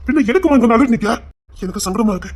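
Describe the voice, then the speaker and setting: A man's voice: very high-pitched, lively intonation, fast talker, a little mellow. A man playing a brash young man who challenges the woman he loves, then turns guilty and pleading. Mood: angry. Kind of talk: screen drama acting.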